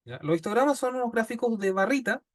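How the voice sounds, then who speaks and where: A man's voice: very high-pitched, expressive, quick pace, dry recording, studio quality. A man with a Chilean accent teaching a statistics class, explaining step by step and often checking in with his students. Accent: Chilean Spanish. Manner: patient, checks in constantly with "¿ya?". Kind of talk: classroom lecture.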